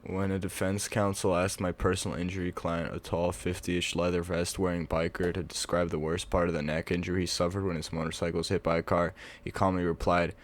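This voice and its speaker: Low-voiced man casually reading posts. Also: flat delivery, a little fast, few pauses. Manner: offhand, reads with asides and mumbled comments. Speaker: Reddit reading vlogger. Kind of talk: casual reading of stories aloud.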